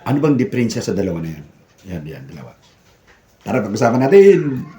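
A man's voice: fairly low pitch, big pitch swings, fast talker, mellow. Echoey older man, missing front teeth. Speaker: vlogger, retired security guard. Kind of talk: casual vlog chat. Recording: echoey room sound.

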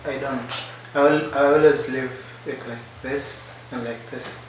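A young man answers questions in a relaxed, joking way. He speaks at a middle pitch, and his voice rings through a very echoey room. A constant hiss sits underneath. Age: young adult. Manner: laid-back, quick joking answers. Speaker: vlogger answering couple questions. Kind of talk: casual couple chat. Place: small living room, indoors.

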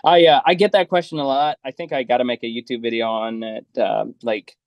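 A man's voice: medium pitch, steady tone, a little fast, no room sound, highs cut off. A man in his early thirties, a guest joining by video call, answering in a plain, modest, hesitant way. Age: 30s. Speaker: podcast guest. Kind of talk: casual interview answers. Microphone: remote video call.

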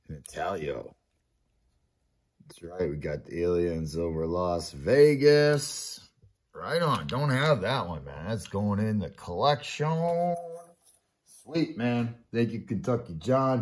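A man hosting a casual unboxing chat, talking to viewers like friends in a laid-back, slangy way at his desk. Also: medium pitch. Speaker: channel host opening mail. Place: indoors at a desk with a coin display.

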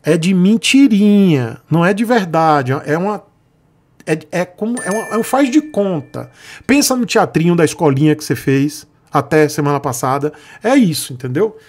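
A man's voice: on the high side, lively intonation, moderate pace. Blunt, sarcastic Brazilian man. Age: middle-aged. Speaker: vlogger. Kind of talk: ranting explanation.

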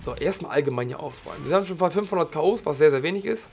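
Casual gamer guy, slightly hoarse, gravelly and a touch high, chatting slangily over gameplay. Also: expressive, very fast, darkish tone. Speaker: gaming channel host. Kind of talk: let's play commentary.

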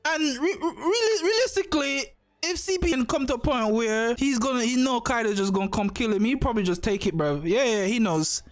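Young male reactor, higher-pitched, loose, sweary and repetitive delivery. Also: brisk, few pauses, soft background music. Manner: slangy, profane, repeats himself often. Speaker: anime reaction host. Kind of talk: casual reaction commentary.

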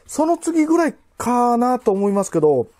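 A man in his thirties with a Kansai accent, chatting casually while eating, in a halting, rambling way with repeated phrases, labored from spicy food. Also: very high voice, sing-song, mellow. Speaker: food vlogger. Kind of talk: casual chat while eating and drinking to camera. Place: living room at home.

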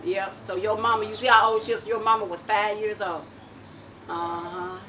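A woman's voice: medium pitch, steady tone, moderate pace, slight background noise. An older woman from Tennessee with a Southern country accent, chatting with her grandson in her kitchen and laughing often. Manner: laughs often, warm drawl, exclaims to the Lord. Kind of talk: casual family chat. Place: home kitchen.

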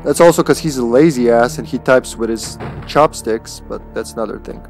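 A Serbian video game livestreamer, whose first language is Serbian, chats casually and playfully with his audience while playing, swearing along the way. His gravelly, mid-range voice moves at a moderate pace. Soft music plays in the background.

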